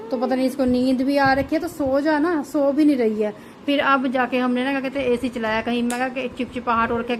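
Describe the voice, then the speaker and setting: Chatty mother vlogging at home. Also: on the high side. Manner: chatty, explaining at length with many fillers. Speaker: mother vlogging about her baby. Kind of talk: casual home vlog. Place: at home, indoors. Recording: noisy home recording.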